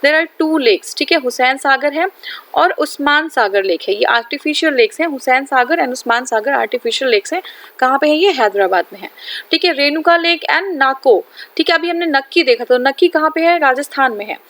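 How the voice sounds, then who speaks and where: A woman with an Indian accent teaching an exam-prep geography lesson, reading English lines slowly and then repeating each point in Hindi with frequent check-ins. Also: high voice, lively intonation, a bit bright.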